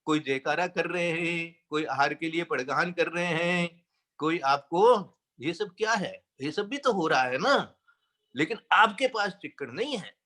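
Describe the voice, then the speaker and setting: A man with a fairly high voice delivers a religious discourse at an unhurried pace. He explains scripture patiently, chants verses now and then, and keeps asking his listeners rhetorical questions. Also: expressive, bright, forceful tone. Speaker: Jain scripture teacher. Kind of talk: sermon on scripture.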